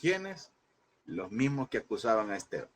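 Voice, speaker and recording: A man's voice: on the low side, big pitch swings, moderate pace. A man teaching a Bible class in a preaching style, emphatic and repeating phrases, often calling listeners brother.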